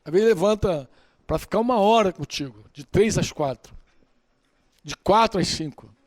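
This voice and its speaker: Man, sermon, high voice, dry sound, colloquial and lively. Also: normal speed, dry recording. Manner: lively, colloquial preaching, acting out quoted dialogue. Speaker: preacher.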